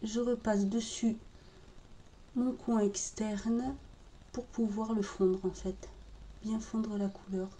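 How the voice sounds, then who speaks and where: Woman makeup vlogger, calm step-by-step tutorial voice, mellow tone, mid pitch. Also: slow pace, long pauses, slight background noise. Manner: calm, step-by-step, talking while working. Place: home room with birdsong outside.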